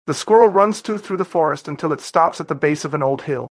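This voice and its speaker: A man's voice: fairly high pitch, fast. A man acting as game master, setting scenes in a plain, brief way. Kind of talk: narrating a role-play game.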